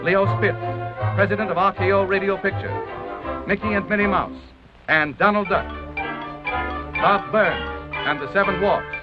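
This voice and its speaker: Orchestral music runs under this dull 1930s film soundtrack as an American man narrates a promotional film from a script. He sounds formal and grandiose, with a high voice, fairly even intonation, and a moderate pace that pauses often.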